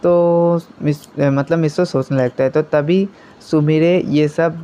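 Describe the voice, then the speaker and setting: A man's voice: a little high, steady tone, measured pace, warm tone, clean tone. Young man rambling through a fan story. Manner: rambling, with restarts. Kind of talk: casual story narration. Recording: muffled lo-fi recording.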